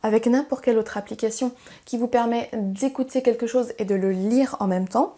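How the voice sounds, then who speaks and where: A woman's voice: fairly high pitch, moderate pace, dark tone. A woman speaking as a language teacher, giving an encouraging, explanatory lesson to camera with a few hesitations. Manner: friendly, encouraging, explanatory with some fillers. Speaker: English teacher.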